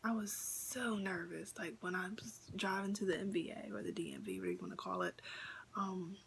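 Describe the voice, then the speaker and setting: A young woman vlogger telling a story casually to the camera, chatty and excited, with many fillers and repeats, often half-whispering. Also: mid-range voice, brisk, creaky, slight background noise.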